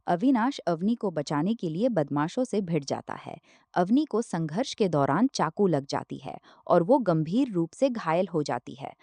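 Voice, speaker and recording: A woman narrates a romance novel with a low, mellow voice and lively rises and falls in pitch. She reads every part herself, tagging each speaker by name, and the recording is dry and close. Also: dry recording. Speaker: storyteller.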